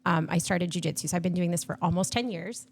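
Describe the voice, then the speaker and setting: A woman's voice: lowish voice, fast, vocal fry. A woman in her thirties from Argentina, chatting enthusiastically as a podcast guest with plenty of fillers. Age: 30s. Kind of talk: casual chat.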